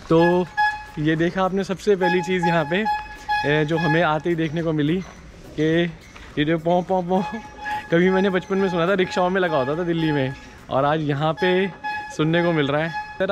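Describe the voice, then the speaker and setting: A man in his forties strolls quiet old-town streets, talking enthusiastically to a handheld camera held at arm's length as a travel vlogger. His chatty tour-guide patter mixes in English words, and his voice is on the high side. The audio is dull, with faint street ambience and vehicles behind.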